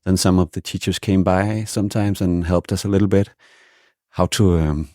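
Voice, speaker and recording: A man's voice: low-pitched, fairly even intonation, normal speed, warm tone, dry recording, clean studio sound. A man from Denmark, a guest musician, answering interview questions casually and hesitantly, with many restarts.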